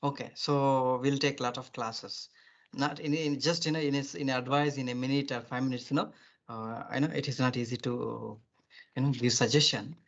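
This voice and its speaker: Over dull lo-fi audio, a male soft skills teacher rambles through an online class lecture full of "you know." He speaks at a normal speed with a medium-pitched, steady voice.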